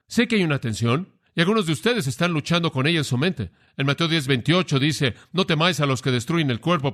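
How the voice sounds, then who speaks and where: Man, middle-aged, pastor, sermon, earnest, raised pitch, self-questioning delivery. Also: a bit bright. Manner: earnest preaching, asks and answers his own questions.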